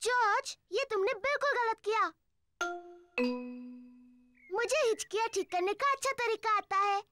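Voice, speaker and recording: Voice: very high-pitched, a little slow, over music. A performer voicing a cheerful, bossy little girl piglet in a children's cartoon dub, exclaiming in a childlike way. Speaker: cartoon voice actor.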